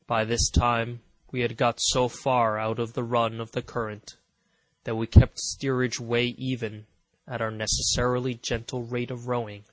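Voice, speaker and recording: A man reading an audiobook, narrating in a measured, even storytelling manner. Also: mid-range voice, no room sound, poor audio.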